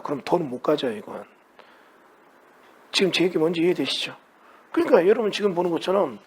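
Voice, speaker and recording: This real estate instructor speaks in a high-pitched, husky voice. His classroom lecture is conversational, often posing rhetorical questions to the students.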